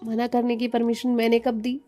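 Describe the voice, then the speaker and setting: A woman's voice: fairly high pitch, completely flat delivery, normal speed, mellow, soft background music, close to an everyday voice. A woman reading the part of a playful young man imitating a bossy professor in a storybook, mock-stern and teasing.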